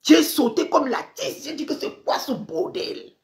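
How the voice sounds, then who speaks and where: A woman ranting on a live social media stream, upset and angry, repeating herself and swinging between loud outbursts and low mutters. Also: big pitch swings, measured pace, gravelly. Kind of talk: indignant Facebook live rant.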